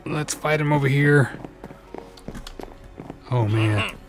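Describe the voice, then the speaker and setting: A man commentating his own video game play, talking to himself nervously and breaking into excited yelps when danger appears. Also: mid-range voice, takes it slowly. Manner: nervous, self-talking, frequent "oh boy", jumps to excited yelps. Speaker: let's play gamer. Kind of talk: gameplay commentary. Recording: game music behind the voice. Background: game music.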